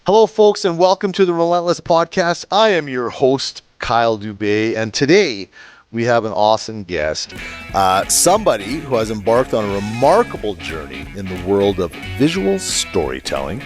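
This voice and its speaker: A man's voice: medium pitch, very animated, normal speed, faint music behind. A man hosting a podcast in a casual, enthusiastic way, rambling with fillers and restarts. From Canada. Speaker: podcast host. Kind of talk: casual interview chat.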